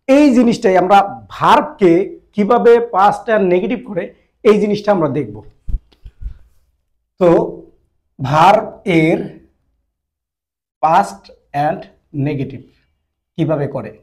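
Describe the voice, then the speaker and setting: A man with a notably high speaking voice walks through a grammar lesson step by step. He repeats each example slowly, pauses between phrases and keeps sending his viewers back to the textbook. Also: darkish tone. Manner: addresses viewers directly, pointing them to the book. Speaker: Japanese language teacher.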